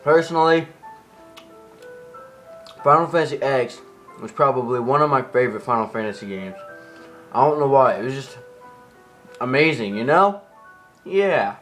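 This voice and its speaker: A let's play host sits in a room at home beside a TV running the game, joking through hyper, goofy gameplay commentary while video game music plays. His mid-range voice is expressive and fairly bright, at normal speed with frequent pauses. The audio quality is poor.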